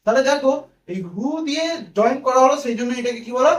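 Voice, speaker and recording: Very high-voiced Bengali man teaching grammar. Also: quick pace, echoey room. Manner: asks questions and answers them himself, repeats. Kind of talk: whiteboard grammar lesson.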